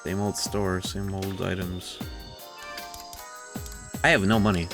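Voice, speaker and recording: A man's voice: deep voice, little pitch movement, takes it slowly, over music. A man streaming a video game, chatting casually and rambling into rants with plenty of swearing. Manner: rambling, ranty, swears freely. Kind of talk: casual livestream chat.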